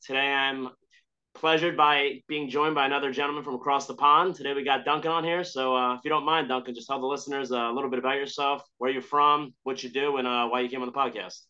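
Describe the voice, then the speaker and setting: A man's voice: medium pitch, fairly even intonation, quick pace, pushed and bright. A man hosting a podcast in an informal, slangy chat style, with slightly dull lo-fi sound. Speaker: podcast host. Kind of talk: casual interview chat.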